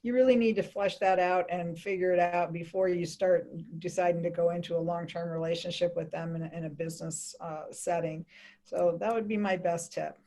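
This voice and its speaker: A woman attorney introducing herself on a panel, friendly and businesslike, spelling out her contact details slowly. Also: lowish voice, fairly even intonation, mellow. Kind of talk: brief panel introduction and advice.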